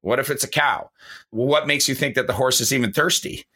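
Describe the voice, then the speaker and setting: A man's voice: mid-range voice, a little fast, bright, forceful tone, slightly rough. A man, the show's host, chatting casually, telling anecdotes and asking playful rhetorical questions. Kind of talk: casual chat.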